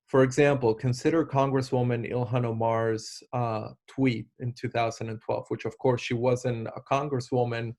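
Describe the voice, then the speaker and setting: A man's voice: medium pitch, flat delivery, moderate pace, hardly any pauses, a little mellow. A man in his thirties from Argentina, giving an online lecture in an earnest way with many fillers and restarts. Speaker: instructor.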